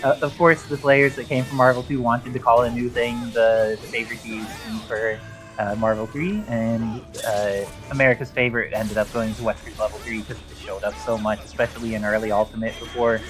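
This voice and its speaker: A man's voice: mid-range voice, level tone, brisk, over music, poor audio. A man giving live play-by-play commentary on a fighting game tournament, explaining mechanics and history at length. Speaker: esports commentator.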